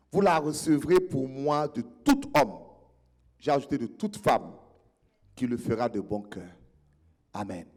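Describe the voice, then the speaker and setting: A man's voice: mid-range voice, a little mellow. Man preaching a church sermon. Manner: explains scripture in a teaching tone; engages the congregation with questions. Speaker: pastor.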